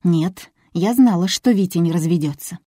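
A woman's voice: fairly low pitch, moderate pace, warm tone, slightly rough, no echo, clean studio sound. A woman reading as a hurt young woman who pleads her case in a raised, earnest voice. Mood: defensive.

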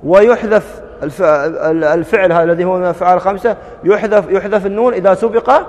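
A man teaching a grammar class, drilling students with quick questions and repeated verb forms. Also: high voice, darkish tone, in a large hall.

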